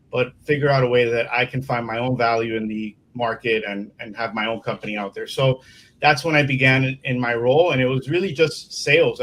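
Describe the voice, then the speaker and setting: A middle-aged sales consultant from Miami, Florida, tells his career story as a guest in a casual interview, rambling with many uh's and restarts. His voice is medium-pitched and a bit bright, and the recording is rough with slight background noise.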